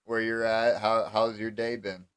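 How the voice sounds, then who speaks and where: A man's voice: fairly low pitch, little pitch movement, measured pace, clear, resonant tone. A young man hosting a casual podcast, laid-back and enthusiastic. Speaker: host.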